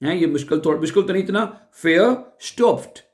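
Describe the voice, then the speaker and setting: A man teaching German phrases for a doctor's visit. He says each phrase slowly, repeats it, and often checks in with the learners. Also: a little high, a little mellow. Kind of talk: explaining a language lesson.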